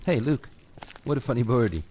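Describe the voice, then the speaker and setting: This is a man at medium pitch, fairly quick and animated in intonation, coaching whoever's listening through an informal audio-walk narration. Behind him are added outdoor walking sounds and birds, and the recording has outdoor ambient noise with clicks.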